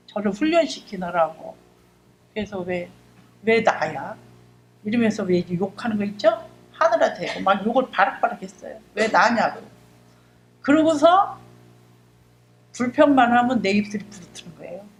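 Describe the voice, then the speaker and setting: A middle-aged deaconess gives a heartfelt testimony before her congregation. She tells her story with fervour and acts out her own prayers. Her voice rings through an echoey church hall over a faint hum. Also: medium pitch. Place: church sanctuary.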